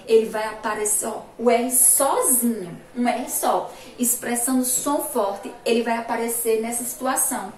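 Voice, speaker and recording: A fairly high-voiced woman teacher from Brazil gives a remote lesson to young children, drawing out each word and repeating sounds again and again. She is recorded from a distance in an echoey room with faint background noise. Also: a little mellow. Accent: Brazilian Portuguese, Sergipe. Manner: slow, emphatic, repeats sounds and words for children. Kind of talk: remote school phonics lesson.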